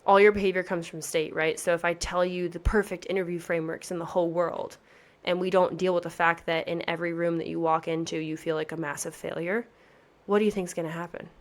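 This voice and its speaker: On her podcast, a thirty-something pageant coach talks at a fairly quick clip in a lowish voice with little pitch movement. The chat is casual yet earnest and motivational, full of emphasis.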